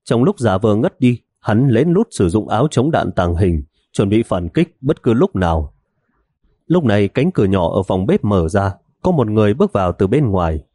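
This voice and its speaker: A man narrating a novel in an even, steady storytelling manner. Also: lowish voice, moderate pace, husky, dry recording, studio quality. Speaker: audiobook narrator.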